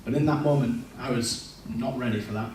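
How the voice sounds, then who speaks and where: This is a young church speaker sharing a frank, self-mocking personal testimony, his medium-pitched, darkish voice moving fairly quickly with frequent restarts. A distant mic picks him up in an echoey church hall, along with a little hiss or hum.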